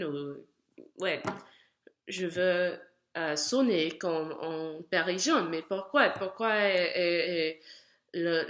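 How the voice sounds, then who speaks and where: Young female language student with an American accent; slow, halting delivery full of fillers, lower register. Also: a bit bright. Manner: halting, searching for words with many fillers. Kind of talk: spoken class reflection.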